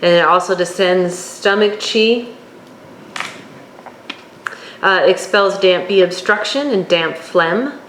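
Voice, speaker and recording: A woman teaching a course, working through her notes at an unhurried pace with occasional fillers. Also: on the low side, fairly bright tone. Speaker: instructor. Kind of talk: lecture on herbal oils. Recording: echoey room, faint background hum.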